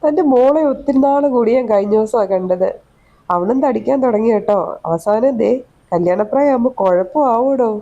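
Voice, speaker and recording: A woman's voice: on the high side, lively intonation, moderate pace, mellow, highs cut off. A woman playing a tactless, nosy neighbor who needles bluntly. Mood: needling.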